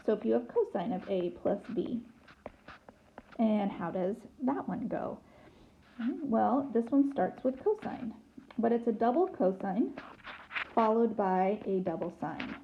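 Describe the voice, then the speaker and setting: A woman teacher walks through a recorded whiteboard lesson in a gravelly, mid-pitched voice, chanting formulas in rhythm. Her asides are dry and teasing. The tablet recording sounds dull and lo-fi, with a faint hiss behind her. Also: expressive, unhurried. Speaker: math teacher. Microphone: tablet mic.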